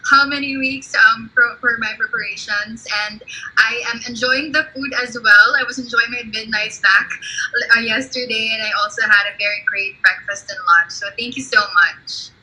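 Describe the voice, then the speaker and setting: A woman answers as a pageant candidate, polite and grateful. Her voice is very bright and a little high. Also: normal speed, pauses often, poor audio.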